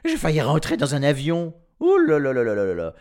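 A man's voice: fairly low pitch, huge pitch swings, normal speed, heavily acted. A man doing a fussy, chuckling old professor. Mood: excited. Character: excitable old male professor with magic jacket.

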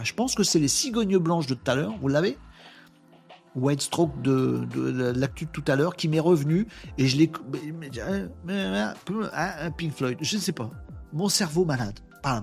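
A man's voice: on the high side, animated, normal speed, creaky, darkish tone, soft background music. A man hosting a live stream in casual chat, joking and thinking aloud with many fillers as he works at his computer. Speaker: live show host.

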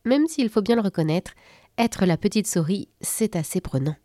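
A woman narrating a children's story in a lively, playful storybook manner. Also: medium pitch, normal speed, no echo, studio quality.

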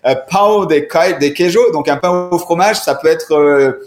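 A man's voice: fairly high pitch, moderate pace, soft background music. Chatty man in an echoey room. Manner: rambling, chatty, many restarts. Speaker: podcast guest. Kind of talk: casual chat. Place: apartment room.

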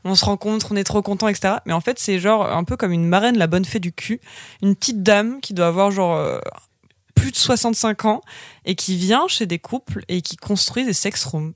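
A woman's voice: mid-range voice, moderate pace, no room sound, clean studio sound. A woman chatting casually on a podcast, hesitant and full of fillers. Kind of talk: casual chat.

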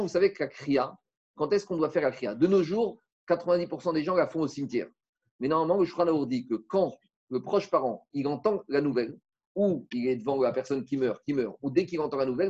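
A man's voice: on the high side, dull audio. A man teaching a Talmud class in casual French, explaining step by step, asking rhetorical questions and mixing in Hebrew terms.

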